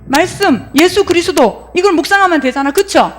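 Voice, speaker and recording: A woman's voice: very high voice, expressive, brisk. A middle-aged woman pastor preaching a sermon in a conversational way, acting out inner voices and putting questions to her listeners.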